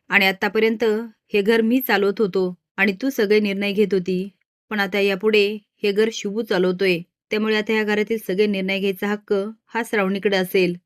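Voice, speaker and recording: Stern elderly patriarch, read by a woman narrator, scolding firmly in a flat voice. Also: medium pitch, dry recording, clean studio sound, lightly acted. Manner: firm, scolding, loud. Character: stern elderly man, head of household.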